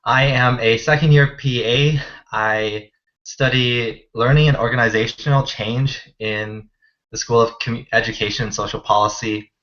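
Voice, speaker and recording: A man's voice: mid-range voice, steady tone, moderate pace, fairly bright tone. A young man from Illinois, a student peer advisor, introducing himself. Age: young adult. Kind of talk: casual introduction. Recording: dull lo-fi audio.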